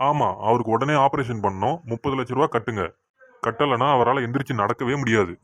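A woman voicing a stern middle-aged male doctor in a cartoon, speaking bluntly and gravely. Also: rumbling low, fairly quick, no room sound, pitched below the performer's own voice.

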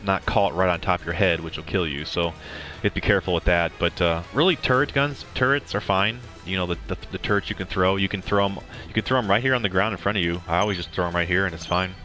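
Talking fast with hardly any pauses, a young man gives rambling commentary on a game walkthrough, his low voice pushed and bright. He says um a lot and restarts often, while game music plays under him.

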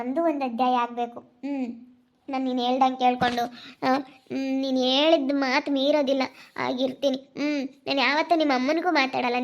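A young woman with a central Karnataka Kannada accent, speaking in an earnest, pleading way in a couple's conversation. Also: high voice. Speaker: vlogger. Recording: dull lo-fi recording.

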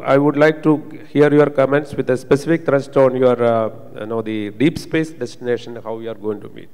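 A man's voice: mid-range voice, a little mellow, clear, resonant tone. A middle-aged man moderating a conference panel, formal and hesitant with many uhs, into a handheld microphone on stage. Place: large conference hall stage, indoors. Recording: long reverb of a conference hall.

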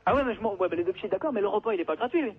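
A man's voice: high-pitched, expressive, very fast, slightly rough. A man at a trucking firm, talking on the phone and growing flustered, protesting over and over. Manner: flustered, keeps protesting with repeated "non, non". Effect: heard over a telephone line. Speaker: employee of a trucking firm answering a call. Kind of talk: unscripted phone conversation. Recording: noisy, narrow telephone line.

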